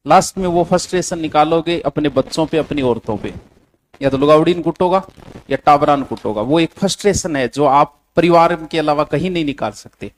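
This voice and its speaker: A man's voice: fairly high pitch, fairly quick. A man with a Rajasthani accent teaching a coaching class, dictating notes and bluntly scolding his students.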